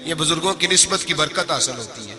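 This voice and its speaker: A man from Pakistan preaching a sermon, telling a story with dramatic delivery. He acts out quoted dialogue with his voice and recites poetry slowly. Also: animated, bright, forceful tone. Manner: dramatic, shifts pitch to act out quoted dialogue. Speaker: Islamic preacher.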